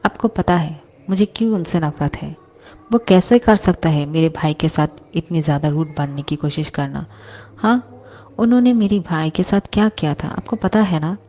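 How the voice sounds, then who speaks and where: A woman's voice: fairly low pitch, darkish tone, natural voice. A woman doing a lovesick, hot-tempered young boss JK. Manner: indignant, questioning retorts.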